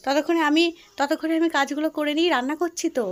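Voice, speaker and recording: A woman's voice: high-pitched, fairly even intonation, fast talker. A young woman and mother chatting casually in a home vlog, narrating her cooking step by step and talking tenderly to her daughter. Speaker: vlogger and mother. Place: home kitchen.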